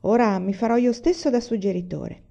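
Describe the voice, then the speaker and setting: A woman's voice: on the high side, a little fast, gravelly, mellow, voice pushed up. A woman voicing a humble, down-and-out tragic actor.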